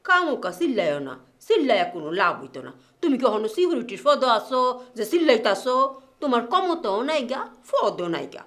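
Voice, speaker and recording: A woman's voice: a little high, sing-song, a little fast, few pauses, fairly bright tone. A woman in a TV drama, scolding and mocking a man in village dialect. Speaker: actor in a TV drama. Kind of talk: scripted TV drama dialogue.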